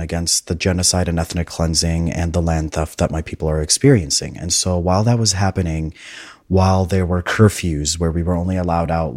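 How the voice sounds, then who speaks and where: A man's voice: sits low, darkish tone, no room sound, studio quality. A man in his twenties from Palestine, telling his own story in a thoughtful, earnest way. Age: 20s. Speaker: housing case manager and graduate student. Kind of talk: reflective personal narration.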